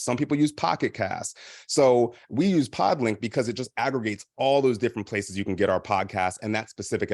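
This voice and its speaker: A man's voice: medium pitch, no room sound. A man, the founder of a podcast company, speaking on a panel and explaining practical tips at length with frequent fillers. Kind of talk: panel discussion advice.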